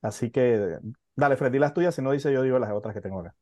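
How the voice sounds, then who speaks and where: A man co-hosting a film podcast, talking casually and stumbling through fillers and restarts as he gathers his thoughts. His voice sits at a middle pitch. The sound is dry and close. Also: fast talker, darkish tone, no room sound, muffled recording. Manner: hesitant, many fillers and restarts. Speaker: podcast co-host.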